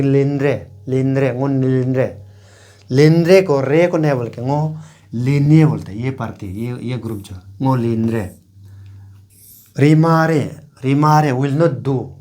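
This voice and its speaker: A man from Arunachal Pradesh giving an informal lesson, repeating each example word slowly as he explains and points at regions. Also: mid-range voice, mellow. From Arunachal Pradesh, India. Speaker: language teacher.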